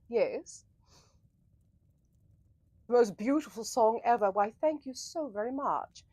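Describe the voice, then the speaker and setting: Female livestream storyteller, breathy and theatrical, unhurried, flowery old-world diction, very close dry sound. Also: medium pitch, darkish tone, dry recording. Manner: theatrical, old-fashioned flowery speech with drawn-out phrases.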